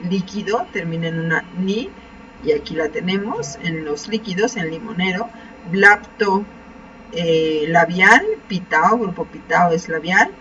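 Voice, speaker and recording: A woman teacher giving a recorded lesson, methodical and patient, slowing down to carefully pronounce each term before explaining it. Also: lowish voice, fairly bright tone, slight background noise. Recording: dull, distant mic.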